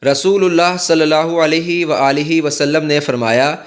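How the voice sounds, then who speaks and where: A man's voice: on the high side, steady tone. Earnest man teaching a prayer. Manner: slow, careful recitation of Arabic supplication; earnest, instructive address to viewers. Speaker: religious teacher. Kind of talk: scripted religious explainer.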